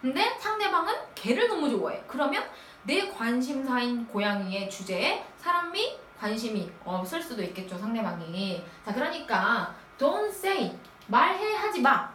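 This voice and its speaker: Woman English teacher, slow and deliberate, quizzes and then answers; recorded off-mic in a roomy space. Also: high voice, big pitch swings, fairly bright tone, recorded from a distance, slight background noise. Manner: asks quick questions and answers them herself, drilling step by step. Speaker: middle school English teacher. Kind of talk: recorded lecture. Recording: echoey room, voice off-mic.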